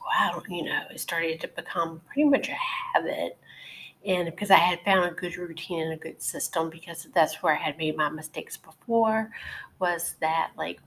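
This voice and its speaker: A woman hosting her own wellness podcast in casual, rambling chat, her voice slightly raspy from a cold, with lots of fillers and restarts. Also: lowish voice, a bit bright, a little hiss or hum, poor audio. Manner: chatty, with many fillers and restarts. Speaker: podcast host. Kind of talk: casual solo podcast talk.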